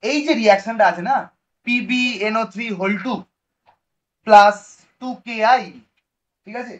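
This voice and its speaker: A man teaching chemistry in a classroom lecture, lively and coaxing, often checking that the students follow. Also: high-pitched, unhurried, dull audio.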